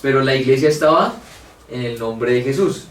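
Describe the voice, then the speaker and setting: A man's voice: mid-range voice, normal speed, crowd noise. A man from Colombia teaching a church theology class, earnest and thinking aloud, acting out both sides of a debate. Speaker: Bible study teacher. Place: church meeting room. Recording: echoey room from far off, faint hiss.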